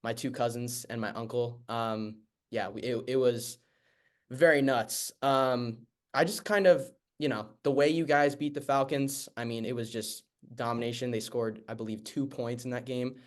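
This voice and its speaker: A man co-hosting a sports podcast, asking long questions in a hesitant, halting way. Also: medium pitch, steady tone. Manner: hesitant, many "uh" and restarts while asking. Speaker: podcast co-host.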